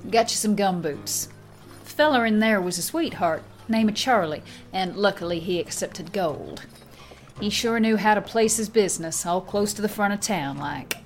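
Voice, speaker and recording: A man's voice: high-pitched, animated, moderate pace, soft background music, pitched above the performer's own voice. A man voicing a brash young frontier woman captain with a breezy, folksy way of talking.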